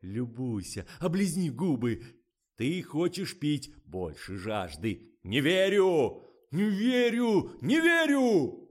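A man voicing a loud, excitable male film director in an audiobook, shouting orders and stretching out his exclamations. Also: medium pitch, unhurried, pitched above the performer's own voice, lightly acted. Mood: frantic. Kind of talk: audiobook character voice.

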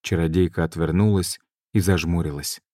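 Deep-voiced male audiobook narrator. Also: fairly even intonation, dark tone, dry recording, studio quality. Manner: measured, deliberate reading. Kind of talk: scripted narration.

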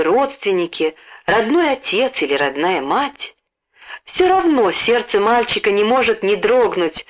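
A woman narrating an audiobook story in an expressive, dramatic reading. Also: medium pitch. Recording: dull lo-fi recording.

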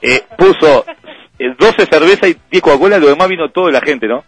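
A Uruguayan man co-hosting a radio sports show, chatting casually with halting restarts. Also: a little high, expressive, faint music behind. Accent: Uruguayan Spanish. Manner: hesitant, full of restarts, chuckling.

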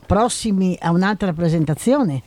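A woman's voice: fairly low pitch, lively intonation, moderate pace, darkish tone. A woman hosting a radio talk show, chatting with her guests in a friendly, hesitant way. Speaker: radio host. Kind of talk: casual on-air interview.

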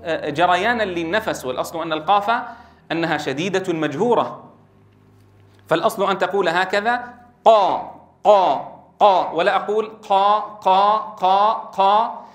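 A man with a fairly high voice teaches Quran recitation, explaining how letters are formed. He often breaks into loud drilled syllables to demonstrate the sounds for his students. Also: roomy sound. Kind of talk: tajweed lesson with spoken drills.

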